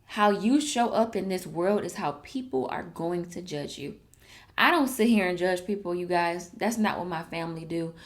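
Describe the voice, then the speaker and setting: A woman's voice: fairly low pitch, moderate pace. A young pregnant woman talking heartfelt and emotional to her viewers in a personal vlog, often saying "you guys" and "literally.". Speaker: vlogger.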